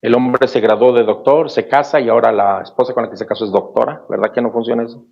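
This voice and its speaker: A man's voice: mid-range voice, fairly even intonation, fast talker, creaky. A male pastor delivering a sermon and prayer, preaching with rhetorical questions to his congregation. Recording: dull lo-fi recording.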